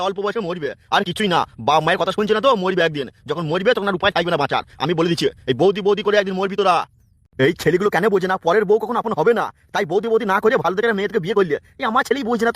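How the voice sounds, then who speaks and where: An exasperated middle-aged doctor father in a comic cartoon, played by a man rants and scolds at a very fast pace. His voice sits fairly high for a man, and the dry recording keeps it close. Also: fairly bright tone, no echo. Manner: scolding, ranting.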